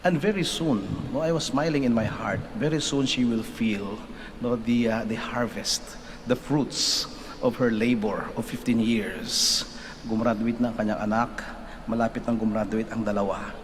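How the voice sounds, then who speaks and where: A Filipino man leads Mass in a measured, deliberate voice, often tagging his phrases with a questioning "no?". His words ring out with a long cathedral echo in a large church. A faint noise sits beneath the sound. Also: mid-range voice, steady tone. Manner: measured, deliberate delivery with frequent tag "no?". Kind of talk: Mass gospel reading and homily.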